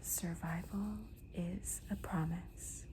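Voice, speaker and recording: A woman speaking in a hushed, breathy whisper in a soft-spoken ASMR book talk, with deliberate, gentle pauses between phrases. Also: on the low side, steady tone. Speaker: host of a book haul video. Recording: noticeable background noise.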